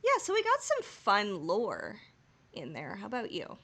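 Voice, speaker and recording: A podcast co-host speaks at a measured pace in a mid-range, somewhat bright voice that swings widely in pitch. She laughs, jokes and rambles in casual chat, then reads an episode's plot summary.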